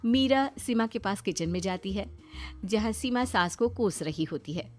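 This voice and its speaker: A woman's voice: medium pitch, lively intonation, moderate pace, darkish tone, soft background music. A woman reading scripted narration for a cartoon moral story as the storyteller.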